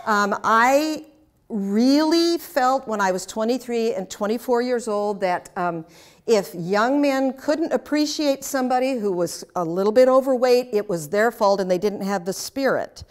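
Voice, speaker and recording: An older woman leads a class, trading questions with her listeners and dropping in wry asides. Her voice sits a little high, and her delivery is chatty and anecdotal. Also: measured pace. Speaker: speaker teaching a class. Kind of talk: interactive talk with audience questions.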